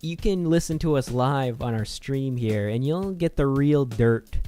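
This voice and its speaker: A man's voice: mid-range voice, measured pace, dark tone, faint music behind. A man co-hosting a casual podcast, trading sarcastic mock apologies and laughing easily. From Canada. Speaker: podcast co-host.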